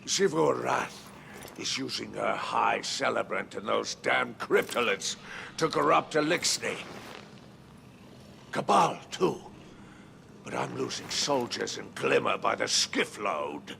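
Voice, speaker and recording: A menacing alien crime baron from a video game, with a heavily gravelled growl. He drawls slowly and theatrically, sly and sneering, swinging widely in pitch over prominent music. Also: expressive, background noise, heavily acted. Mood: sly, bargaining. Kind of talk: video game cutscene acting.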